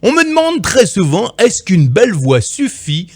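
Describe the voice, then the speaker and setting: Animated, playful male voice-over coach. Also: sits high, measured pace, no echo. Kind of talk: direct-to-camera advice lesson.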